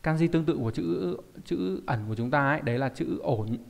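A man's voice: a little high, animated, brisk, gravelly, in a large hall. A man teaching a recorded online kanji lesson, explaining step by step and often asking rhetorical check-in questions. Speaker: Japanese teacher.

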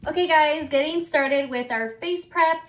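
This twenty-something YouTuber is chatting casually from her bedroom, peppering everything with "like." Her high voice keeps a measured pace; the phone camera picks up an echoey room and a little hiss or hum.

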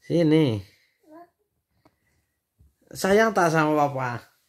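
A man, a father filming a home video and gently teasing his daughter. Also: fairly high pitch, expressive. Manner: teasing, coaxing, slow-spoken. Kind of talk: casual family home video.

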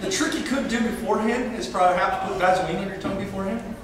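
A man's voice: high voice, quick pace, crowd noise. A man in his thirties, a professor talking informally to a class while in pain, his mouth numb and burning from spicy food. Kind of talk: informal demonstration talk to a class. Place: lecture hall, standing at the front. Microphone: distant camera microphone. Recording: echoey, noisy lecture hall from far off.

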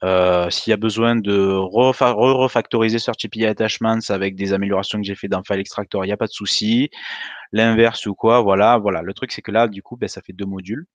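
Talking over his slides via a webcam on a video call, this meetup presenter, a man in his thirties, stumbles along with many fillers and restarts. He has a lowish voice with fairly even intonation and speaks a little fast, with no room sound.

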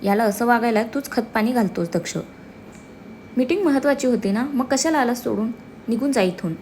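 A sharp, defiant young wife, as a woman storyteller voices her, snapping back with scorn. Her voice sits fairly high. A faint hiss runs underneath. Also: fairly quick, lightly acted. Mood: angry.

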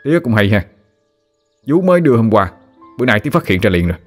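A man's voice: low voice, lively intonation, normal speed, faint music behind. A man voicing a teasing, grumbling father near sixty.

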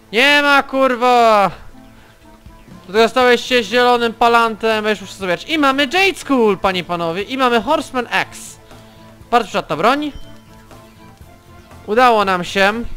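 Man, high bright clear voice, unhurried let's-play commentary, taunts foes, faint music under. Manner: swears and taunts enemies while playing. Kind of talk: casual gameplay commentary.

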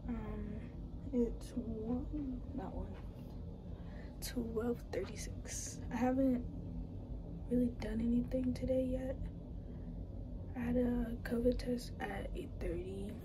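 Soft-spoken young woman vlogging by phone. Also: fairly high pitch, slow, long pauses. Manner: relaxed, matter-of-fact, often half-whispered. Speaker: cruise ship dancer vlogger. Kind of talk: casual vlog updates. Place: small cabin on a cruise ship. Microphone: phone held at arm's length. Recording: noisy phone vlog audio.

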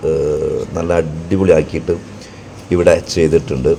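Very deep-voiced Malayali man, halting vlog narration. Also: fairly even intonation, mellow. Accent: Kerala Malayali. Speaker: vlogger and narrator. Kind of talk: casual travel vlog narration. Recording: clear background noise, outdoor ambience.

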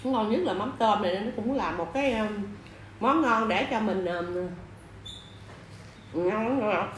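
A woman's voice: mid-range voice, a little slow, a little hiss or hum. A woman talking while chewing, chatting casually and raving about the food in an eating vlog. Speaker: mukbang vlogger. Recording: echoey room with faint ambience.

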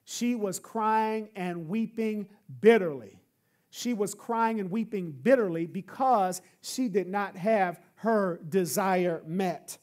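A pastor delivers a sermon with emphatic, repeated refrains that drive each point home. The voice sits in a middle pitch. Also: takes it slowly, a little mellow. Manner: emphatic, repetitive preaching with refrains.

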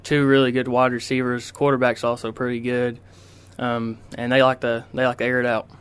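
A teenage boy answers a radio interviewer, polite and hesitant, pausing often on ums and uhs. His voice is smooth and clear but stays flat, with little rise or fall. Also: mid-range voice. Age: teens. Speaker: high school quarterback guest. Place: radio studio.

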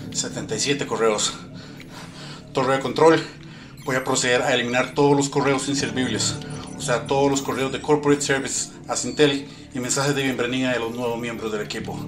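A man's voice: medium pitch, lightly acted. A man playing a weary young office engineer who reports to the control tower like a spaceship pilot on a headset, in clipped official phrases. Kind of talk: comedy sketch, mock pilot radio reporting from a cockpit.

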